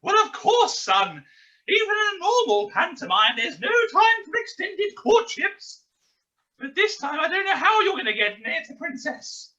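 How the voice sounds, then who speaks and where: A very high, swooping voice on a slightly dull recording, a fussy pantomime dame who dotes and exclaims theatrically. The comic delivery is bright and sharp. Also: female voice, very animated, normal speed, full character voice. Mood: scolding, dramatic. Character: fussy, doting pantomime dame, poor widowed mother.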